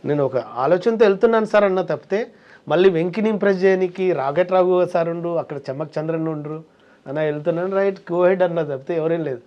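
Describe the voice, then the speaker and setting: A man's voice: a little high, quick pace, dull audio. A man, a comedian and mimic, talking in a casual interview and acting out quoted voices as he tells stories.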